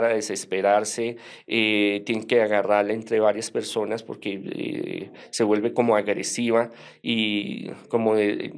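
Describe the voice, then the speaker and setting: A man, an exorcist priest, telling his story in an interview in a measured, hesitant way with many fillers. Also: lowish voice.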